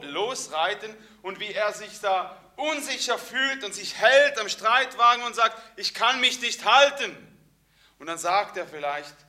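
A man preaching a sermon, telling the story vividly, moving between hushed and emphatic passages. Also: sits high.

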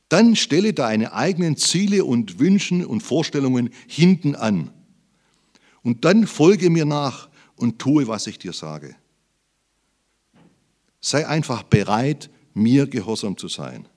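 A man preaching a sermon, swinging between emphatic loud appeals and low, quiet asides.

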